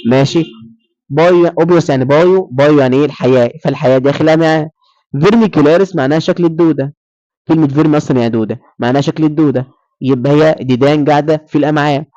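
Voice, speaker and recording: A man's voice: on the high side, very fast, warm tone, lo-fi sound. A man with an Egyptian Arabic accent giving a recorded lecture, who asks his students questions and then answers them himself.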